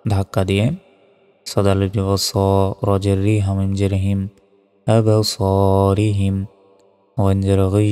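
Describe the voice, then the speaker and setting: A man with a deep, dark, clear and resonant voice gives a slow Quran reading lesson, spelling out each letter and vowel before chanting the full word melodically. The recording is reverberant, with faint music in the background.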